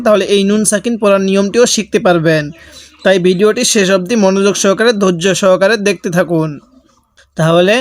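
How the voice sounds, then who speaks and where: A man with a Bangladeshi Bengali accent gives a recitation lesson, his voice smooth and resonant. He draws each chanted word out slowly, then talks through the pronunciation rules at an unhurried teaching pace. The sound is close and dry. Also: high voice, no room sound. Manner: alternates drawn-out melodic recitation with brisk spoken instruction. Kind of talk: tajweed lesson, slow chanted recitation between quick explanations.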